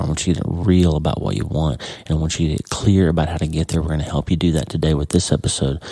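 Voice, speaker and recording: A middle-aged man with a very deep, husky, dark voice, marked by vocal fry and a stuffy, congested quality, hosts a casual faith-based podcast from his home office desk. He talks in an earnest, folksy way, restarting often. There's no echo.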